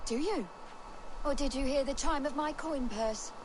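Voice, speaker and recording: A scheming, lovesick spinster from a video game village, played by a woman. Her high voice is florid and theatrical, with a bawdy streak. Noisy ambience runs behind her. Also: moderate pace, lightly acted. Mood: scornful, scheming. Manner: florid, melodramatic.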